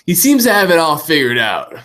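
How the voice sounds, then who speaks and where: A man's voice: a little high, wildly swooping pitch, fairly quick, a bit bright. A man talking casually as a podcast guest, his voice coming through a staticky call with a glitchy, half-robotic distortion, rambling with lots of fillers and restarts. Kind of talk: casual chat over a call.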